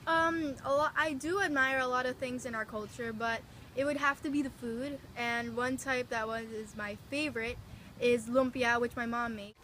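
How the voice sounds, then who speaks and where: A woman's voice: fairly high pitch, steady tone, normal speed, fairly bright tone, a little hiss or hum, low-quality recording. A young woman casually answering interview questions about her family and culture, with some fillers.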